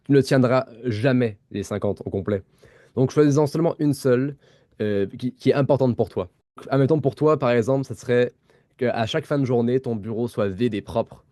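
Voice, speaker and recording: Recorded with studio clarity and no echo, this Québécois man co-hosts a podcast in a mid-range, dark-toned voice at a moderate pace. He talks through ideas casually, with lots of fillers and restarted words.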